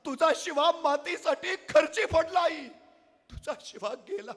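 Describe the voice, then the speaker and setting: A man playing a sorrowful, noble young king, speaking in a declamatory, emotional, drawn-out way. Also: extremely high pitch, fairly bright tone, in a large hall, pitched above the performer's own voice, full character voice. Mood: grieving.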